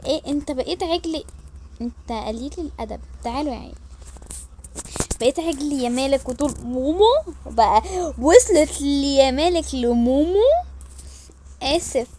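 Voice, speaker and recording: A woman with an Egyptian accent and a high, light voice acts out a household role-play story. She hops from one family member's voice to the next with hardly a pause, and a faint hiss runs under her. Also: lively intonation, warm tone. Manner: switching quickly between family character voices. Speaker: storyteller voicing all characters.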